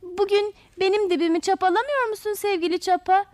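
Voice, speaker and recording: A woman voicing shrill, vain storybook flowers. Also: brisk, a little mellow, no room sound. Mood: pleading. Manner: scolding, shrill and bossy. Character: haughty, vain garden flowers.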